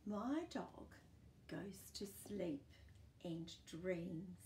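Drawing out her words in a fairly low, slightly mellow voice, a New Zealand storytime host in her sixties reads a picture book to young children. She is expressive and chatty, tossing in asides and questions, inside a small room full of books, with slight background noise.

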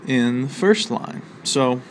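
A man teaching a college literature lesson, explaining a poem's rhythm and imagery in a measured way with fillers and pauses. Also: medium pitch, lively intonation, slight background noise. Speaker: college instructor. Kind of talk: recorded literature lecture. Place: outdoors near a library.

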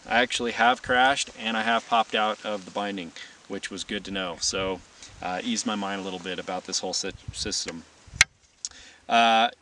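In a low-leaning, somewhat bright voice, a man presents an informal gear demonstration as instructor, keeping his explanations plain-spoken and matter-of-fact. Light background noise and a distant mic color the recording.

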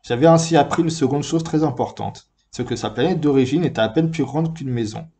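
A man reading a book aloud in a calm, measured first-person narration. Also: mid-range voice. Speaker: reader.

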